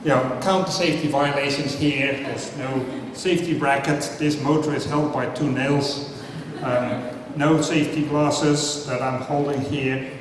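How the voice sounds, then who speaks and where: This Dutch science-night speaker, a man in his fifties, keeps a measured pace with hardly any pauses as he delivers a casual, self-mocking talk and asks the audience question after question. A distant mic picks up his voice booming around the echoing hall, over a noticeable bed of noise.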